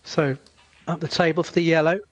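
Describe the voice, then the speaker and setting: A man giving live snooker commentary as a commentator, in measured short phrases with pauses. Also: on the high side, flat delivery, lo-fi sound, a little hiss or hum.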